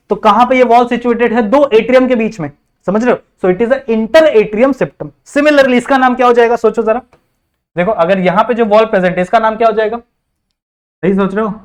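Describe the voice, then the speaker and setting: Indian male biology teacher lecturing. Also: sits high. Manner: keeps checking understanding with repeated questions; mixes Hindi with English terms. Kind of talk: classroom lecture.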